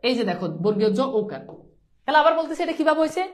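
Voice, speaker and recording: High-pitched lady teacher drilling pronunciation over and over, asks students questions, throws in english words. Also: lively intonation, rapid-fire. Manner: sprinkles English words into speech. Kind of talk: live online grammar lesson.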